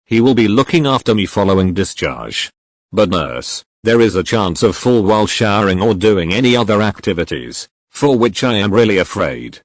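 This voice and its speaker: A man's voice: on the low side, animated, moderate pace, no room sound, lightly acted. A man playing an anxious elderly hospital patient in a scripted role-play, speaking politely and formally. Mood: worried, polite. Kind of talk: scripted role-play dialogue for exam practice.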